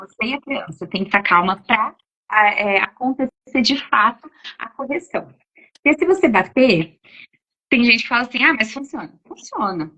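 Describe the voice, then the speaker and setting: A woman, an educator in her forties, casually answering parenting questions, often ending phrases with a questioning tag. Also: mid-range voice. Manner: warm explanatory, frequent "né?" tags. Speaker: educator giving parenting talk. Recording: dull lo-fi audio.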